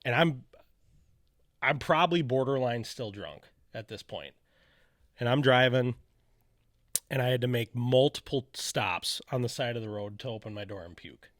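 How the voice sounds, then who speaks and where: A man's voice: mid-range voice, moderate pace, long pauses, dry recording. Man telling his story, dry close sound. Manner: candid, rambling retelling with many "you know" asides. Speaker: podcast co-host telling his faith story. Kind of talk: casual storytelling conversation.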